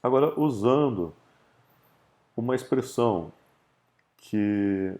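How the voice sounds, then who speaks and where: A man with a Brazilian Portuguese accent teaching English grammar, explaining in Portuguese, reading English examples slowly and clearly, and checking in with "tá?" after each point. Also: mid-range voice, expressive, warm tone. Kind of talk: recorded grammar lesson.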